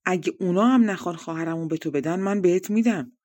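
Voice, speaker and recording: A woman with a lowish, slightly mellow voice, close to how she normally speaks, plays the resolute youngest prince. Loyal to his dying father's word, he speaks firmly and reproaches his older brothers.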